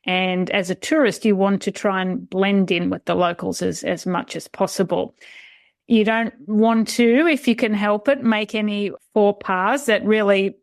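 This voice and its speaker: A woman's voice: medium pitch, steady tone, a little slow, gravelly, dry recording, studio quality. A woman hosting a travel podcast, reading a scripted intro and then chatting politely and encouragingly with her guest. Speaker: podcast host.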